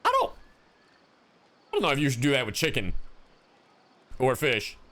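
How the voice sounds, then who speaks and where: A young American man with a medium-pitched voice talks at a measured pace, casually commentating as a game streamer. His storytelling is animated and slangy, peppered with swearing and profanity.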